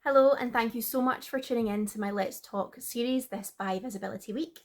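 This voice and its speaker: A woman hosting, reading a scripted introduction in an even delivery. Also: a little high, a little fast. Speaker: host.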